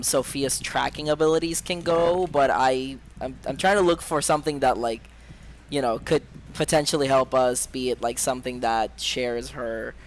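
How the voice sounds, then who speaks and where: A man's voice: medium pitch, a little hiss or hum, poor audio. A man playing a tabletop game over a voice call, talking hesitantly with lots of fillers and restarts. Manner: hesitant, rambling with many "like" and "um". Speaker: player. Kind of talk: casual tabletop game play.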